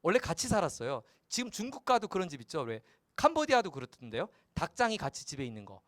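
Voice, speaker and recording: A male pastor preaching a sermon in a playful, animated way, slipping into character voices. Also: fairly high pitch, fast, no room sound, clean studio sound.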